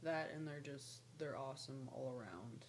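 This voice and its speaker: This young woman has a very deep voice, animated and moderately paced, as she casually rambles to camera and breaks off to coo at her pet snake. Her small, lamp-lit home room is recorded through a webcam or laptop mic at arm's length, and the audio is noisy.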